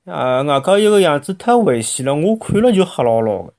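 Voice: medium pitch, sing-song, a little fast, darkish tone. A storyteller voicing a nervous but plucky young piglet, hesitant and exclamatory, with a Shanghainese accent. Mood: worried.

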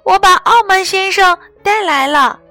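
A woman voicing a tiny mischievous male elf in a storybook reading, high, light and teasing. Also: unhurried, pushed and bright, no echo, faint music behind, exaggerated voice.

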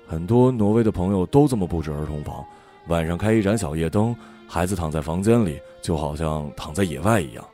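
A man voicing a calm, proud homeowner who explains things in a soft, unhurried way. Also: low-pitched. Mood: explaining. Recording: faint background music.

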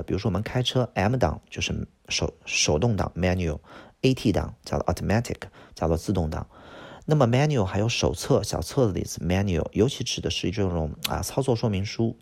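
Deep gravelly-voiced male vocabulary teacher. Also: a little mellow. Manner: explains each word with quick example sentences, frequent "OK啊" and "啊" fillers. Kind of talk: recorded vocabulary lesson.

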